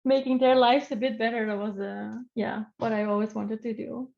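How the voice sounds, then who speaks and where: A young woman with a Dutch accent, her native tongue showing as she chats in English. She sounds cheerful and easygoing, her voice sitting a bit high. The call audio is dull and lo-fi. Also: steady tone, moderate pace, gravelly, darkish tone. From Netherlands. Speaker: animal welfare researcher, guest. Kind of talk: casual interview chat.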